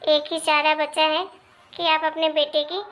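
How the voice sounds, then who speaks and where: A woman's voice: sits high, little pitch movement, measured pace, a bit bright. A woman voicing a meddling young married neighbor who gossips and gives pushy advice.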